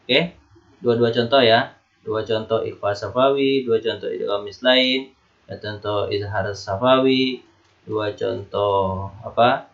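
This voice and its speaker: Slow man teaching recitation rules. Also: fairly low pitch, fairly even intonation, highs cut off. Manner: slow, repetitive explaining with drawn-out chanted Arabic examples. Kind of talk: online lecture.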